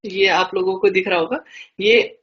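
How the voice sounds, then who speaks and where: A man's voice: high-pitched, steady tone, moderate pace. Patient male language teacher, lo-fi. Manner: patient, explanatory, frequent hesitation fillers. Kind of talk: online class explanation.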